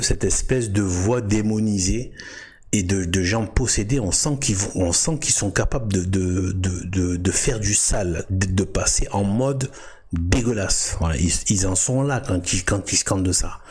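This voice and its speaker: A man hosting his own video, explaining things in a casual monologue, halting and full of restarts and fillers as he clicks through a web page. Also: sits low, a little mellow, husky. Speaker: video host.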